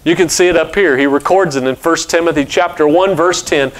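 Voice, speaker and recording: Older man preaching a measured sermon. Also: a little high. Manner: explanatory teaching, steady and measured. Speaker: pastor. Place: church sanctuary at a pulpit.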